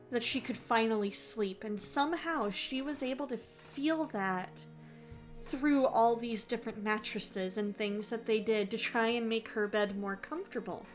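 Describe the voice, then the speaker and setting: High-voiced, unhurried woman reacting casually. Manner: musing aloud, expressive. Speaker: host. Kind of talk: casual live reaction commentary.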